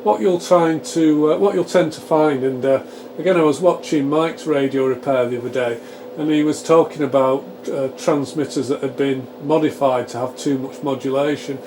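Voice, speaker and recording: A fairly high-pitched man talks at an ordinary pace as he demonstrates a repair for his radio repair channel. Set in a small home electronics workshop, the informal narration follows his thinking step by step, over a steady whir of equipment cooling fans.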